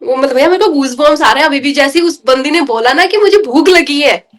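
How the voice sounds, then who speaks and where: Brief: woman guest, high voice, earnest and emotional storyteller. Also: fast. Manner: earnest, emotional storytelling, often addressing the host as brother. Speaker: podcast guest. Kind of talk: recounting a personal devotional experience.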